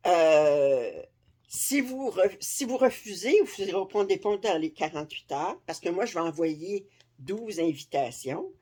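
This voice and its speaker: In her living room, a craft vlogger with a Québécois French accent talks directly to a camera framing her upper body. Her voice is lowish, husky and a little mellow, animated, at a measured pace, and her chatty talk is full of fillers and "ok?" check-ins.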